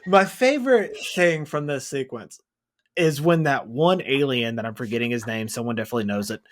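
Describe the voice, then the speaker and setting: Casual male co-host, mid-pitched, playful and rambling, lots of "like" fillers. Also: expressive, fairly quick. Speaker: podcast co-host. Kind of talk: casual movie chat.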